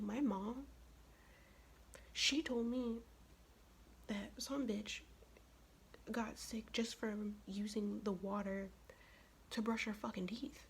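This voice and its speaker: A young woman from the United States whispering in a close, raspy ASMR voice, her throat worn from illness, telling a blunt, profane, chatty story. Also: mid-range voice, a little hiss or hum. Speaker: ASMR vlogger.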